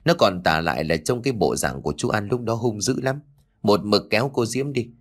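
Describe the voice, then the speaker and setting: A man voicing a worried young village wife and mother in a ghost-story audiobook, speaking anxiously and softly. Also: on the low side, lively intonation, fairly quick. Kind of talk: audiobook character voice.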